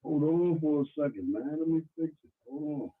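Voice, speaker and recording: A man's voice: fairly high pitch, expressive, normal speed. Muffled, faint man, as if through a wall. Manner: blunt, repeats himself, swears freely. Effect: muffled and faint, as if heard through a wall. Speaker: guest on a livestream. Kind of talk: casual livestream chat.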